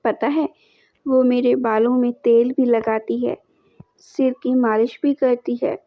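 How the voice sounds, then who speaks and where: A woman's voice: fairly high pitch, fairly even intonation, slow pace, dry recording. A woman voicing a young newlywed who confides to her mother in a pleading, tearful way. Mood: cheerful. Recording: dull lo-fi recording.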